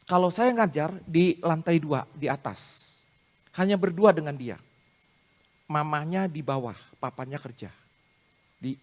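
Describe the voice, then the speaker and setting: Animated man preaching with storytelling. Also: fairly high pitch. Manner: animated storyteller addressing the congregation directly; self-deprecating humor. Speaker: speaker at a prayer meeting. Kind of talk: sermon with personal storytelling.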